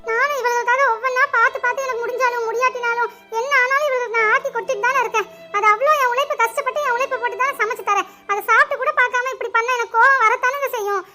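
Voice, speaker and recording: A woman voicing a hot-tempered cartoon mother who scolds her children quickly and sharply. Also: steady tone, sharp tone, faint music behind. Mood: complaining. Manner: scolding, rapid, shrill. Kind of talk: cartoon voice acting.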